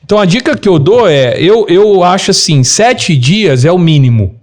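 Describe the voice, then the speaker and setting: Lively mineiro man giving travel tips. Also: normal speed. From Minas Gerais, Brazil. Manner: animated, gives practical tips with lively pitch swings. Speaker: podcast guest, travel advisor. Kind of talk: casual conversational interview.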